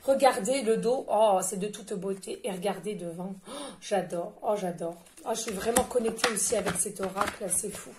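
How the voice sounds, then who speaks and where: A woman giving a casual tarot card reading in a loud, carrying voice, chatty, laughing often and filling pauses with hesitations. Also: medium pitch, background noise. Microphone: no microphone, picked up by the device directly.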